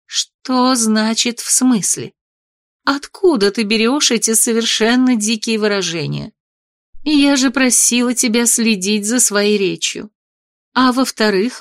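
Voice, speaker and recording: A woman reading an audiobook, voicing a noble mother who speaks in a measured, formal, gently reproving way. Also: fairly high pitch, dry recording, clean studio sound. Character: noble mother, gentle but stern lady. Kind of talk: audiobook character voice.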